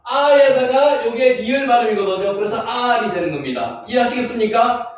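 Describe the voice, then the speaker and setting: High-voiced man teaching in an echoey room. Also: animated, a little fast. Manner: repetitive, drilling students with questions. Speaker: Bible teacher. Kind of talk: classroom lecture. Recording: echoey room, distant lo-fi mic.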